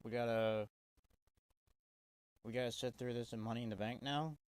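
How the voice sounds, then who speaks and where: A man's voice: medium pitch, fairly even intonation, moderate pace, smooth, no echo. A man giving a casual, swear-heavy wrestling review, exasperated and full of restarts. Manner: profane, exasperated, stumbling restarts.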